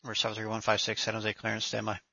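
A man's voice: on the low side, monotone, very fast, gravelly, pushed and bright, no echo, dull audio. A man working as an air traffic controller, giving procedural instructions over the radio. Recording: dry, band-limited radio audio.

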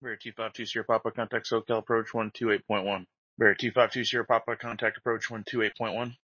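A man's voice: lowish voice, flat delivery, fast talker, bright, forceful tone, slightly rough, no echo. A man giving clipped, procedural air traffic control instructions over radio in a flight simulation. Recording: dry, dull band-limited radio audio.

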